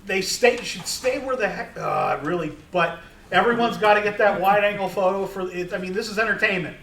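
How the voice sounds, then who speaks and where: Middle-aged man, slightly high voice, chatty and rambling, caught from across an echoing room. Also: a little fast, a bit bright, a little hiss or hum. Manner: rambling, with many fillers and restarts. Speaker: sports photographer giving a talk. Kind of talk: casual talk to an audience. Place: room with an audience. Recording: roomy, distant recording.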